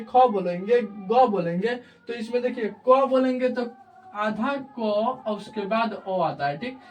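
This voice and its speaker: A young man teaching a grammar lesson online, often pausing to check that students follow. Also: sits high, recorded from a distance. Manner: repeats checks of understanding.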